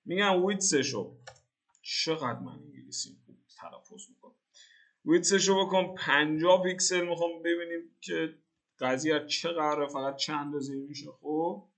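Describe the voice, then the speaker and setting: A man's voice: fairly high pitch, expressive, fairly bright tone. A young man from Iran giving a casual, joking coding tutorial over a screen recording and thinking aloud in slang. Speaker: programming tutor.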